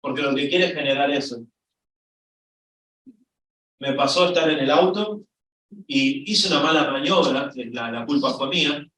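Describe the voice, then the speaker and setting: A middle-aged man with an Argentine accent preaching a sermon, telling a story with lively rises in his voice. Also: on the high side, a little slow, long pauses. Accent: Argentine Spanish. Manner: storytelling, lively, voice rising when excited. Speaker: pastor. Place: church hall. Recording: echoey church from far off.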